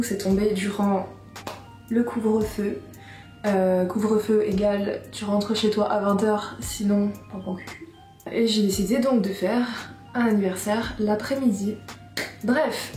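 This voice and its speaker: A woman's voice: medium pitch, darkish tone. A woman in her thirties in a casual chat as a vlogger, chatty and self-mocking, with frequent hesitations. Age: 30s. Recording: roomy echo, faint music behind.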